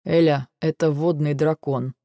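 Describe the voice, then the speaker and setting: A man voicing a weary, dry-witted male dragon in an audiobook, with a gravelly, restrained delivery. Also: on the high side, fairly even intonation, measured pace, mellow, dry recording. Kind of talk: audiobook dialogue reading.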